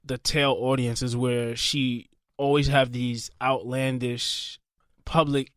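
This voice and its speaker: A man's voice: medium pitch, flat delivery, slow, fairly bright tone, clean tone, dry recording, clean studio sound. A man co-hosting a podcast in casual chat, easygoing and rambling, often restarting his sentences. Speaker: podcast co-host. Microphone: studio mic with headphones.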